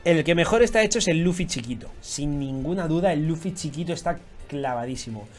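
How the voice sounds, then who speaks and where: A young man with a Spanish accent from Spain, giving casual, slangy reaction commentary with loud excited outbursts. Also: a little high, fairly quick, faint music behind. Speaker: YouTuber reviewing fan tattoos.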